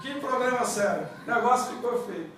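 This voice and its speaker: A middle-aged man with a Brazilian accent, a pastor preaching a loud, fervent evangelical sermon full of folksy stories. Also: very high voice, expressive, moderate pace, a little hiss or hum. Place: church hall. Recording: echoey church hall, mic far off.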